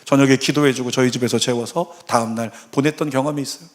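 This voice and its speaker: A man's voice: medium pitch, fairly even intonation, fast talker. A middle-aged man preaching an earnest sermon in church, retelling stories and quoting scripture. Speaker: pastor. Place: church sanctuary.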